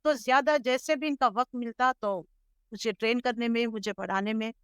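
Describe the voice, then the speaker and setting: A woman's voice: fairly high pitch, steady tone, clear, resonant tone, no room sound. Earnest middle-aged woman recalling her life. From Hyderabad, India. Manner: measured, earnest storytelling with English words mixed in. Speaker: interview guest, Islamic scholar. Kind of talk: reflective life-story interview.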